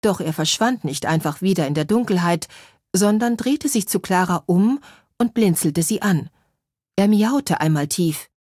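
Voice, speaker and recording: A woman narrating a children's story in a clear, measured way. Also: on the low side, expressive, a little mellow, no room sound, studio quality.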